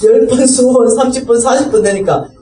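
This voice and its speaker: A middle-aged woman tells a church testimony in an animated storytelling manner, acting out the people in it and rising to fervent pleading. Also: on the high side, a little fast, echoey room, distant mic, noisy background. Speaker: speaker giving a church testimony.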